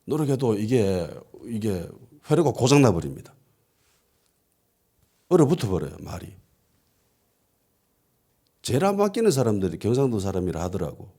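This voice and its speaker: A man's voice: fairly low pitch, very animated, normal speed, long pauses, mellow. A man with a Gyeongsang accent preaching a sermon, telling the story with quoted voices and frequent affirming asides. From Gyeongsang region, South Korea. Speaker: pastor. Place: church.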